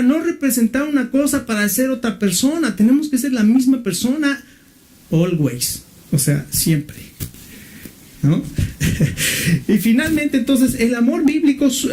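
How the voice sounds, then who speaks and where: A middle-aged man from Mexico preaching a sermon as pastor, often asking his listeners questions and filling pauses with "este". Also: high-pitched, warm tone. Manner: asks the listeners questions, uses fillers like "este".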